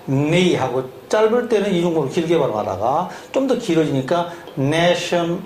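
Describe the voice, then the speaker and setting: A man's voice: on the high side, big pitch swings, a little fast, a little mellow. A man teaching a lesson, drilling spelling syllable by syllable and asking the listener questions as he goes. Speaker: English teacher. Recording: echoey room with faint hum.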